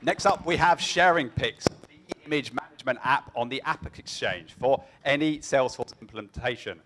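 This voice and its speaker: A man hosting a live demo event, introducing the next presenter in an energetic announcer manner. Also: mid-range voice, moderate pace, a crowd in the background, noisy background. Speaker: event host.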